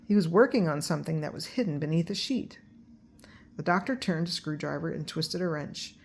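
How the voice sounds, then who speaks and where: An older woman narrates a children's storybook. Her voice sits slightly low for a woman, and she reads aloud as a grandmother would to children. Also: animated, a little fast, gravelly, darkish tone, breathy edge.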